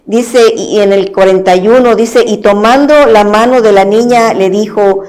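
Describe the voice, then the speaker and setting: A woman's voice: mid-range voice, normal speed, darkish tone. A woman preaching at a church program, reading a Bible passage aloud and explaining it with many restarts, adding a tag question after nearly every phrase.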